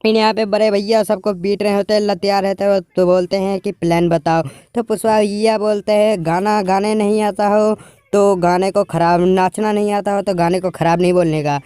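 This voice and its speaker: High-voiced man retelling a film plot. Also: fairly even intonation, mellow, clean tone, no room sound. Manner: retells dialogue as quick plain quotes in colloquial speech. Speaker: movie recap YouTuber.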